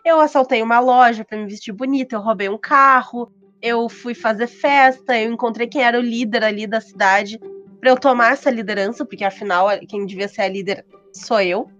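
A woman's voice: on the high side, a little fast, fairly bright tone. A woman co-hosting a casual chat about tabletop games, telling things in an informal storytelling way. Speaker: podcast co-host. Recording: slightly muffled, music behind.

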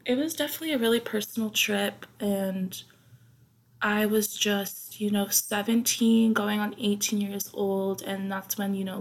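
A young woman hosting a podcast, rambling casually with many fillers, her throat dry as she talks quietly. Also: mid-range voice, creaky. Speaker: podcast host.

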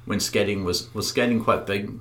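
A man's voice: fairly low pitch, steady tone, moderate pace, fairly bright tone, a little hiss or hum. A man hosting a casual interview, asking easygoing, slangy questions. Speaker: podcast host.

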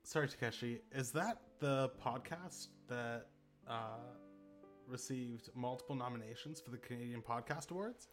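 A man who plays in a role-play podcast, giving earnest, halting closing thanks. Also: mid-range voice, music in the background. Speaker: podcast player. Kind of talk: heartfelt closing remarks.

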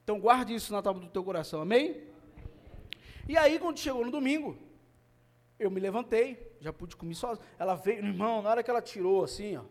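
A man with a Brazilian Portuguese accent preaching a sermon and sharing a personal testimony, his delivery swinging between hushed and fervent. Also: sits high, lively intonation, fairly quick. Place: family church service.

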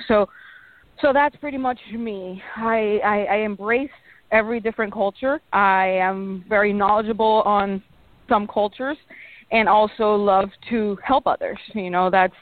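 A woman's voice: mid-range voice, no room sound. A woman in her thirties with a Panamanian Spanish accent speaks as a guest in a radio interview. Her talk is friendly and chatty, dotted with fillers. The sound is dry and tinny, as if over a phone line. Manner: friendly, chatty, frequent fillers and light laughs. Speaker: guest meteorologist.

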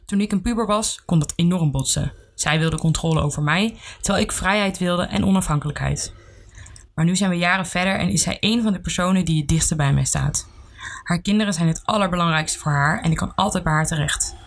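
A young woman reading her own first-person memoir aloud in an earnest, soft-spoken way. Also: on the low side, brisk. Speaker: narrator of her own story.

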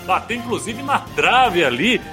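A Brazilian man calls football in explosive goal commentary. His high voice swings widely in pitch, with shouted and stretched-out calls, over music. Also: sing-song, a little slow.

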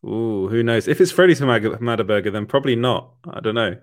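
A man's voice: mid-range voice, expressive, racing, no echo, clean studio sound. Man laughing through a live chat. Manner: laughs often, reads comments aloud with fillers. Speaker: livestream host reading chat.

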